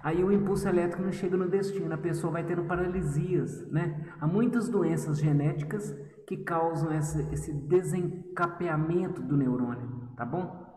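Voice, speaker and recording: A man's voice: a little high, moderate pace, warm tone, recorded from a distance, slight background noise. A man teaching histology in a chatty, teasing way, talking straight to his students. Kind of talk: lively video lesson. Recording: echoey room, voice from off the mic.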